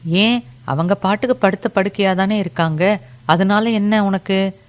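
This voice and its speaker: A woman's voice: medium pitch, unhurried, lightly acted. A woman voicing a curious, prying neighbor woman in a storybook reading. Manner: prying, questioning. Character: Sundari, curious nosy female neighbor.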